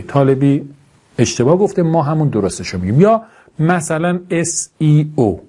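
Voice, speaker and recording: A man introducing his online course in a slow, deliberate lecture. His voice is dark, mellow and a little husky. He does not articulate some sounds quite cleanly, and he keeps dropping informal, self-deprecating remarks. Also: mid-range voice. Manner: deliberately slow, careful speech.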